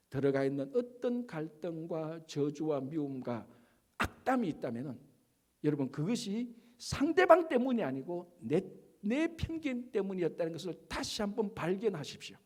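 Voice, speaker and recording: A male pastor preaching a sermon, with emphatic delivery, rhetorical questions and slowed stress on key words. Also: a little high, big pitch swings, a little mellow. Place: church sanctuary.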